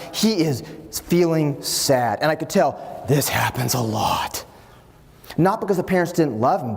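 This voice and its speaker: A man, an educator answering interview questions and telling stories in an earnest, husky voice that often repeats words as he gets going. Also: a little high, darkish tone. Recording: reverberant room.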